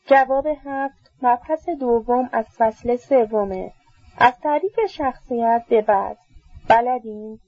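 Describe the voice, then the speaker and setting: A woman reading an audiobook, voicing a calm, courteous young male university tutor. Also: a little high, husky, no room sound, dull audio. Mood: quiet.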